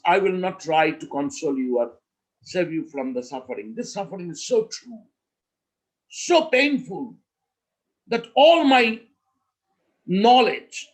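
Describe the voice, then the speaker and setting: A man's voice: high-pitched, rough recording. A man speaking as a grieving compassionate monk. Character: compassionate monk moved to tears.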